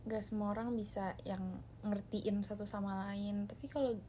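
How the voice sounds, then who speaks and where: A woman's voice: medium pitch, steady tone, normal speed, dark tone, a little hiss or hum. A young woman chatting casually to viewers on a live stream from her phone, talking loosely with lots of fillers. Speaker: idol group member hosting a live stream.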